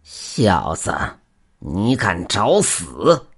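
A man voicing a sinister old Taoist priest in an audio story, speaking slowly and menacingly with drawn-out words. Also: medium pitch, big pitch swings.

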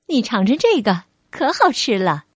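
Storybook figure: a woman doing a chatty, coaxing city mouse, slightly high and dry-sounding. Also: big pitch swings, moderate pace, breathy edge, dry recording. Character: friendly, worldly little city mouse. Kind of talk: storybook reading for children.

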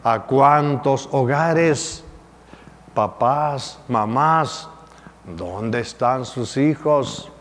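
A man's voice: medium pitch, extremely slow, big-room sound. A man preaching a sermon as a priest, emphatic, with repeated rhetorical questions.

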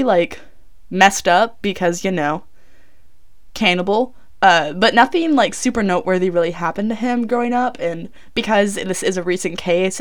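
Young woman recording in a closet, chatty true crime host, informal, trips on words and corrects herself. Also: medium pitch. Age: young adult. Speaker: podcast host. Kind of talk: casual true crime storytelling. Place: inside a closet.

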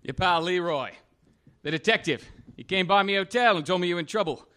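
A cheerful New Zealand daredevil in a comic adventure drama. He rattles off breezy slang cockily in a highish, bright voice with a New Zealand accent. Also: brisk, smooth. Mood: breezy, excited.

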